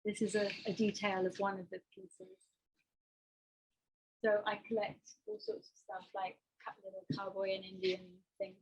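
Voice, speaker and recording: In poor audio, a Botswana-born artist gives a slideshow talk about her work at a moderate pace. Her medium-pitched voice has a breathy edge and little pitch movement, and she sounds hesitant and thoughtful, with many restarts.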